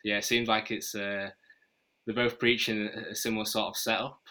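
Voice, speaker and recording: A man with a Northern English accent, answering podcast interview questions in a measured, explanatory way with frequent fillers. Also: lowish voice, little pitch movement, pushed and bright, low-quality recording. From Northern England. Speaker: podcast guest, marketing chief.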